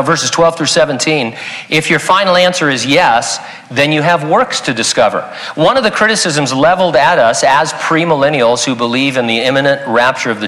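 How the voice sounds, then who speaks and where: A man giving a sermon as pastor, talking in a conversational, emphatic way with quick asides. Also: medium pitch, sharp tone. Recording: long hall reverb.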